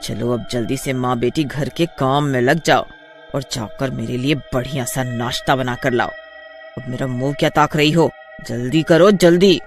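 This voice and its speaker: A man voicing a harsh, bossy witch daughter-in-law in a kids' storybook, shouting scornful threats. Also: mid-range voice, steady tone, normal speed, soft background music, natural voice. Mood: bossy, threatening. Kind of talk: storybook voice acting.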